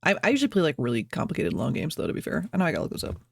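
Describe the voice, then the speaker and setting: A woman's voice: low voice, wildly swooping pitch, very fast, creaky, dry recording. Chatty woman streamer in a dry room. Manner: chatty, rambling, reads chat aloud, laughs often. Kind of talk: casual chat with stream chat. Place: at home, birds outside.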